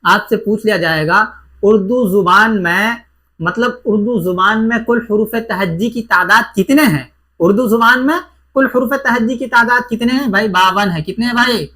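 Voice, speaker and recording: A man's voice: high voice, bright, forceful tone. A man teaching an exam-prep grammar lesson, who repeats each point and asks and answers his own questions.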